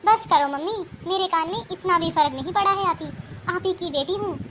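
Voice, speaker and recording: Woman voicing a spoiled cartoon daughter, whiny and demanding, very high pitch. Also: brisk, fairly bright tone, slight background noise. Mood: complaining. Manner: petulant, complaining. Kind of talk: cartoon voice acting.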